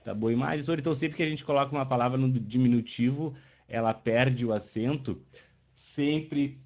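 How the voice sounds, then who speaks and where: A man's voice: medium pitch, a little fast, a little mellow. A man, teaching a live online class and patiently checking in with his students as he explains. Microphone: webcam microphone. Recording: dull lo-fi online class audio.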